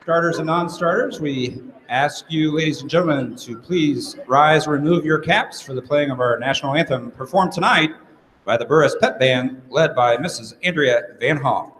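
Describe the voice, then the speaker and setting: PA announcer, formal cadence, high voice, long gym reverb, crowd noise. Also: male voice, normal speed, a bit bright. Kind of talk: arena lineup announcing. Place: large high school gym. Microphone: house PA system.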